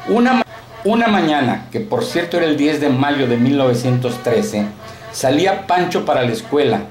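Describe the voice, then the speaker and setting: A man's voice: medium pitch, expressive, normal speed, over music. Man with narrating a story. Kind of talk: reading a short story aloud. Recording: echoey room.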